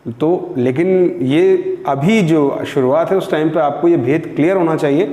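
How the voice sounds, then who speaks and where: A male teacher leads a beginners' reading lesson, stretching each syllable very slowly so learners can repeat after him. His voice is slightly high and mellow. It rings in an echoey room with a long reverb tail. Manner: patient explaining, prompting pupils to repeat.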